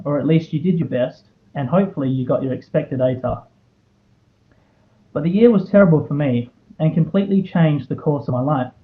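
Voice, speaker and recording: Young Australian man giving an earnest speech, slightly high-voiced. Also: narrow, tinny audio. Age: 20s. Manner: earnest, storytelling, rhetorical questions. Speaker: student award recipient giving a speech. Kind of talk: prepared motivational personal speech. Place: live speech to an audience.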